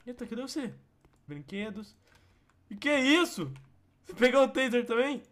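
Excitable high-voiced Brazilian young man. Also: normal speed. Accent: Brazilian Portuguese. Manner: excitable, shrieking laughter, playful teasing. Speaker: gaming video host. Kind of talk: playful game commentary.

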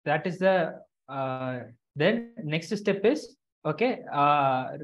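Soft music plays in the background as an animated, medium-pitched teacher slowly explains a craft to children in an online class. She goes step by step, repeating instructions and checking they follow, in dull lo-fi video call audio.

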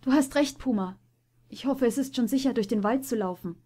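A woman's voice: fairly high pitch, a little fast, warm tone, natural voice. A woman voicing a proud, careful father stallion in a storybook reading, earnest and thoughtful.

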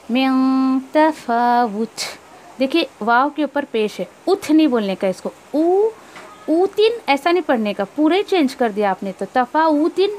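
A woman teaching tajweed, explaining each rule and then slowly reciting verses, correcting wrong pronunciations and mixing in English words. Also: fairly high pitch, a little hiss or hum.

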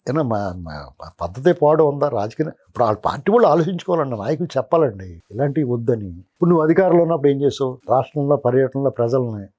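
A man speaks quickly in a dark, mellow voice as a political analyst. His commentary is heated and scolding, as though he is talking straight at the politician he criticizes. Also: mid-range voice, animated. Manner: scolding, addresses the politician directly as you.

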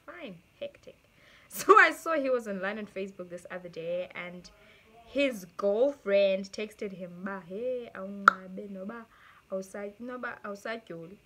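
A woman's voice: medium pitch, a little slow, noisy background. A young South African woman with a South African accent, reading viewers' stories aloud and reacting with frequent laughter, mixing English and Xhosa. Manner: animated, laughs often, mixes English and Xhosa. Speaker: YouTuber.

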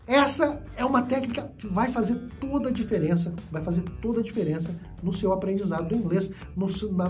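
A woman's voice: medium pitch, darkish tone. A Brazilian woman teaching English whose first language is Portuguese, explaining at length with many repetitions and restarts. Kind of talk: online English lesson.

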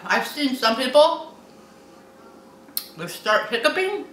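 A middle-aged woman reacts to camera in casual chat while her mouth burns from spicy food. Her bright voice comes slowly and haltingly, broken by throat clearing and puffed breaths. She is recorded in an echoey room. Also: high voice, sing-song. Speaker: host of a food challenge video. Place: small indoor room with window blinds. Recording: echoey room with faint background noise.

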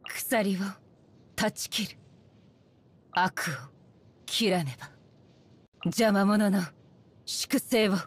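A woman playing a regal, solemn female shogun and swordswoman in a game, speaking formally and with measured stateliness. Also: sits high, expressive, slightly rough, exaggerated voice. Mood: stern, commanding. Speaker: voice actor. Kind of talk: Japanese anime-style game character voice lines.

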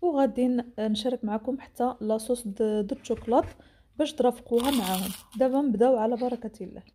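A woman's voice: a little high, quick pace, warm tone, breathy edge. A woman with a Moroccan accent narrating a casual cooking tutorial as a home cook, explaining and rephrasing each instruction. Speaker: home cook presenting a recipe.

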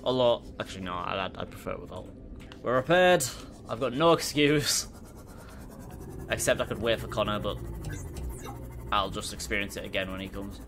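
Playing a VR game on his YouTube channel, a young Middlesbrough man with a Teesside accent gets jumpy and nervous, cursing and yelping at scares. He talks fairly quickly in a lowish, slightly bright voice, pausing often. Game music plays clearly in the background.

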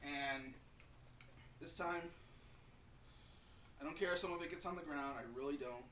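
High-voiced man vlogging from across a room. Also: moderate pace, fairly bright tone, echoey room, recorded from a distance, slight background noise, poor audio. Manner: chatty, rambling, talks straight to viewers. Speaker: YouTuber. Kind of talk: casual vlog to camera. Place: room at home.

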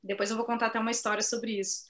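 A woman's voice: on the high side, level tone, fairly bright tone. A middle-aged woman from southern Brazil, a poet chatting at her online book launch and reading her poems, often tagging her sentences with little questions. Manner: chatty, sprinkles tag questions, reads poems slowly. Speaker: poet and author. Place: home office on a video call.

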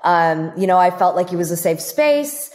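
A woman's voice: lowish voice, animated, moderate pace, darkish tone. A woman doctor as a podcast guest, talking reflectively in a casual conversation with frequent fillers. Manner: reflective, talks with many fillers and "like".

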